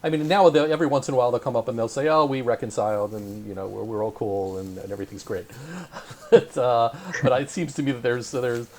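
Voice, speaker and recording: Man, interview host, chatty, hesitant, many "um"s, mid pitch. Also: brisk, darkish tone. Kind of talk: remote interview, conversational.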